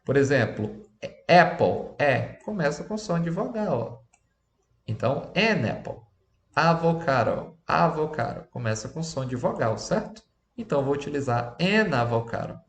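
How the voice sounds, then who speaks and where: A man's voice: medium pitch, big pitch swings, moderate pace, roomy sound. A man teaching an English lesson with a Brazilian Portuguese accent, chatty and often checking in with his students.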